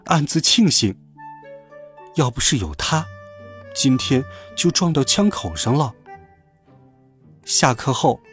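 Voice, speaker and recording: A man narrates a children's story in a scripted, expressive way. His voice moves up and down constantly as he brings scenes to life. Its pitch sits in the middle.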